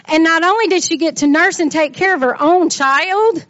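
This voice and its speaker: A woman leads a Bible lesson in a high, bright-toned voice. She talks straight to her listeners and keeps an animated back-and-forth going. The recording is dry, with little room sound, and slightly dull. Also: moderate pace, no echo. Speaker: Bible teacher.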